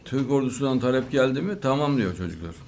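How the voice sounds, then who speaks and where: Gravelly man giving blessings. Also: mid-range voice, expressive, normal speed, a little mellow. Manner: showers guests with religious blessings and praise. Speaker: host. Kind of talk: studio talk show commentary.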